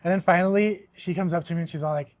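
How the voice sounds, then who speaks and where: Young guy on a podcast ranting with lots of swearing, kinda high voice. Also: fast, no room sound. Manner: animated, swears a lot, laughs while telling a story. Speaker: podcast host. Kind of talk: casual storytelling chat.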